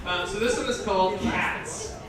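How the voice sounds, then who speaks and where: Performing an animated comic reading before a live audience indoors, a man with a high-sitting voice keeps a moderate pace. He stops now and then for sweary, disbelieving, mocking remarks. Crowd noise fills the echoey space, and he sounds distant from the microphone.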